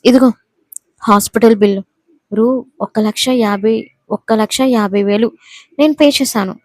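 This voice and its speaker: A woman's voice: medium pitch, moderate pace, a little mellow, no room sound, close to an everyday voice. Woman reading as a sneering cruel young husband. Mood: menacing scorn. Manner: mocking, menacing, sneering.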